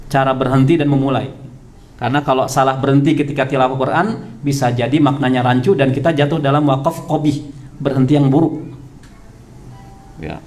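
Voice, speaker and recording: An Indonesian man giving a study lecture to a congregation in a prayer hall, repeating key points and drawing out terms slowly. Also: medium pitch. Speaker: religious teacher.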